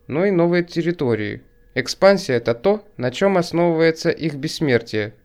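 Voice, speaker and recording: A man narrating an audiobook in a measured, wry literary reading, also speaking as the first-person hero. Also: fairly high pitch. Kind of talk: scripted narration.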